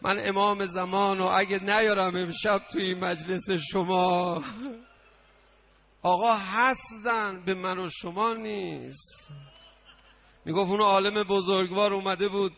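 A man preaching a mourning sermon with chanting, swinging between hushed storytelling and shouted lament. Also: high voice, fairly even intonation, creaky, muffled recording.

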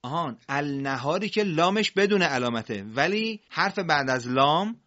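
Bright-voiced male Quran reading teacher. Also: fairly high pitch, lively intonation, lo-fi sound. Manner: explains patiently, asks questions and repeats words slowly. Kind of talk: broadcast reading lesson.

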